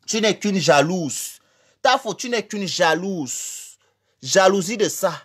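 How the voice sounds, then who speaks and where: A man's voice: high voice, lively intonation, slow pace, a bit bright, slightly rough. Cameroonian French man, livestream rant, honeyed mocking insults, keeps repeating his jabs. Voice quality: honeyed, sweet-toned insults.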